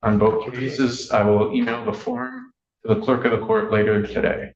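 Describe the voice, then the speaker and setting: A man's voice: lowish voice, wildly swooping pitch, normal speed, creaky, a crowd in the background. A man speaking as defense attorney in formal, procedural terms, heard on a courtroom recording. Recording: dull, echoey courtroom recording.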